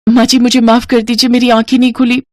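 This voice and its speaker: A woman's voice: fairly high pitch, little pitch movement, fast, darkish tone, no room sound, pitched above the performer's own voice, lightly acted. A woman voicing a timid young bride in a storybook, speaking in a pleading, fearful way. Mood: earnest.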